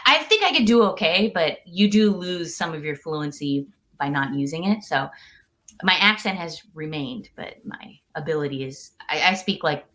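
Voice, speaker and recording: A woman in her thirties from the United States is a podcast guest calling in from home, chatting casually and laughing often. Her voice sits low and sounds a bit bright.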